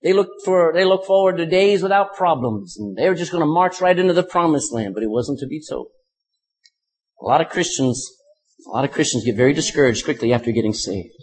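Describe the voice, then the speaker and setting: A man preaches a sermon in a husky, slightly breathy voice that sits a little high for a man. His delivery swings widely in pitch, rising and falling as he fires rhetorical questions at the congregation. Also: lively intonation, fairly quick. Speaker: pastor.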